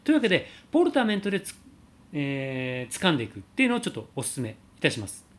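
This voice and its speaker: A man teaching singing, calmly answering a viewer's question about high notes and showing sung slides. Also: fast talker. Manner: explains calmly, demonstrates sliding sung vowels.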